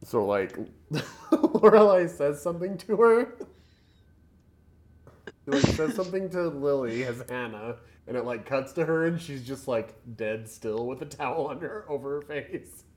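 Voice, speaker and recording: A man's voice: on the high side, expressive, unhurried, darkish tone. A man co-hosting a podcast, recapping a movie in loose, chatty talk with lots of laughter and fillers. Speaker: podcast co-host. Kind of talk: casual movie recap chat.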